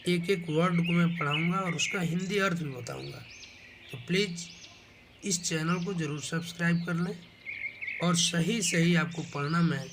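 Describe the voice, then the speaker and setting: A man teaching a slow spoken lesson, patiently going over each letter and its sound again and again. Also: on the high side, background noise. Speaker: English teacher. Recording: clear bird sounds in background. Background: birdsong.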